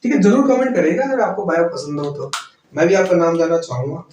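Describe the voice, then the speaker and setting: A man's voice: a little high, quick pace, a little mellow, a little hiss or hum. A man teaching a chemistry class, asking questions and answering them himself, repeating key words. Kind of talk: classroom lecture. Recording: roomy echo, voice from far off.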